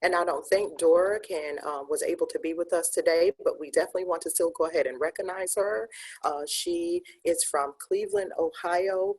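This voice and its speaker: A woman's voice: deep voice, a little mellow, breathy edge. A woman hosting an online graduation ceremony, announcing graduates in an upbeat, casual way with many fillers. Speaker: ceremony host.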